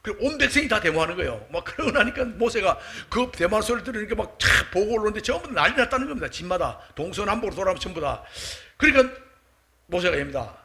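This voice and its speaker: 빠르고 생기 있게 설교하는 남자 목사. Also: male voice, sits high, fast talker, creaky. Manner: animated, acts out quoted voices of the people. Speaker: pastor. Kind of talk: early-morning prayer sermon.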